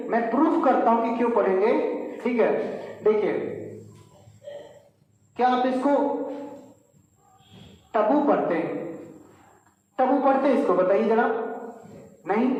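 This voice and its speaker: A man's voice: extremely high pitch, a little mellow. A male English teacher giving a classroom lecture, explaining step by step and putting questions to his students that he then answers himself. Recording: very echoey, reverberant room.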